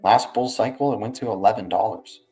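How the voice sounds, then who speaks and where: Male streamer, deeper side, informal rambling commentary with slangy check-in tags, light music bed. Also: a little fast, darkish tone, low-quality recording. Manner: rambling, slangy, often ends phrases with "right" and "man". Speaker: livestream host. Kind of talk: casual livestream market commentary.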